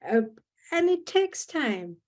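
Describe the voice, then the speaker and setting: Earnest Sri woman, slightly high. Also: sing-song, darkish tone. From Sri Lanka. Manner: earnest, measured, with frequent restarts and fillers. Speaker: guest. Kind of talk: reflective podcast conversation.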